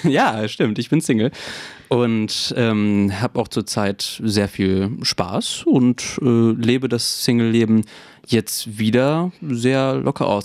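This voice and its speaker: A man's voice: medium pitch, a little mellow, no room sound. A man in his twenties co-hosting a podcast, chatting casually and frankly, laughing often. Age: 20s. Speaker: podcast co-host.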